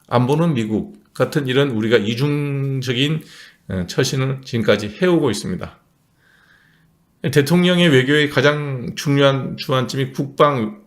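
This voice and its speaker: A man at medium pitch delivers a political commentary monologue, explaining his points emphatically and punctuating them with short affirmations.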